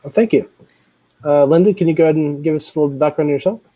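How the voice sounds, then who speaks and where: A man hosting a casual interview on a video call, asking questions in a halting, loose way. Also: on the high side, no room sound. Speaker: host. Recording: dull lo-fi video-call audio.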